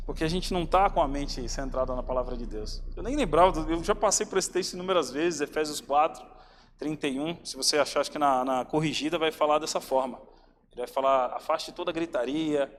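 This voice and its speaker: Male preacher, casual sermon delivery, slightly high voice, long church reverb. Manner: informal, addresses listeners as "cara" and "irmãos". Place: church hall. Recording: reverberant church hall, faint ambient noise.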